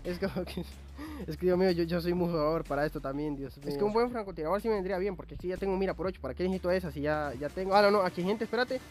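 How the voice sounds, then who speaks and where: A young man giving excitable, chatty live commentary on his own gameplay. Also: high voice, rapid-fire. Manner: excitable, chatty, swears lightly while playing. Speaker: gaming YouTuber.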